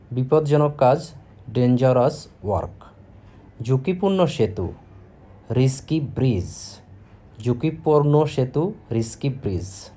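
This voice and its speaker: Slow, mellow-voiced man teaching vocabulary. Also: medium pitch. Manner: reads each phrase then repeats it. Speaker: English teacher.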